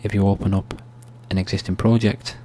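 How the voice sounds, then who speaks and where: A soft-spoken man giving an ASMR-style screen tutorial, explaining steps in a hushed, unhurried, informal way. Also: deep voice, level tone. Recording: faint hum and background noise.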